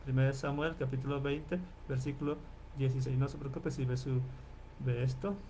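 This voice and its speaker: A man lecturing as a professor in an online class, explaining and repeating terms slowly and checking in with his listeners often. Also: mid-range voice, little pitch movement, dark tone, slight background noise. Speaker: Bible professor.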